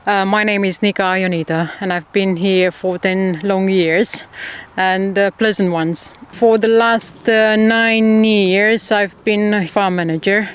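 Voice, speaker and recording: Romanian-accented farm manager, hesitant. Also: male voice, high-pitched, steady tone, measured pace, fairly bright tone, clear, resonant tone. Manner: hesitant, with frequent fillers.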